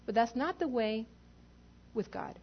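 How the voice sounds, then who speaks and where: A woman pastor delivers a sermon in a high voice, emphatic and direct, putting rhetorical questions to her congregation. The recording sounds dull and lo-fi. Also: a little slow, husky.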